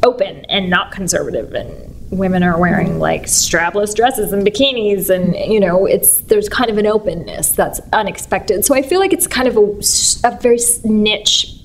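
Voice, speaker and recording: A woman from San Francisco talks about her stage work in a casual interview. She rambles in a chatty way, with plenty of fillers. Her voice is mid-pitched, with faint noise behind it. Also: lively intonation, moderate pace. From San Francisco, United States.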